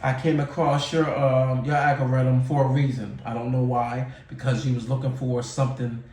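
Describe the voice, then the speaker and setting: This YouTuber in his forties speaks to camera with a mid-range, level, darkish voice at normal speed, offering casual advice candidly while repeating points and dropping in fillers. He's far from the mic, giving a roomy recording.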